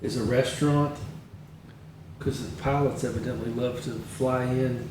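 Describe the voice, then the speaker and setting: An older man with a medium-pitched voice speaks at a moderate pace, rambling through animated anecdotes as a guest in a casual interview chat. He is a retired county attorney. The recording comes from an echoey room with a distant mic and faint noise.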